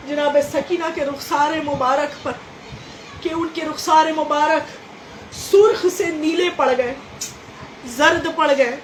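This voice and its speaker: A woman's voice: sits high, slight background noise. A woman religious orator narrating a mournful story at a gathering, impassioned and repeating phrases for emphasis. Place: gathering hall. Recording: roomy hall with faint ambience.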